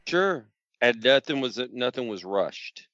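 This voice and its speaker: A man's voice: medium pitch, big pitch swings, unhurried, a bit bright, no echo. Male podcast co-host, wry and conversational, dry room, slightly lo-fi. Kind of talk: casual chat.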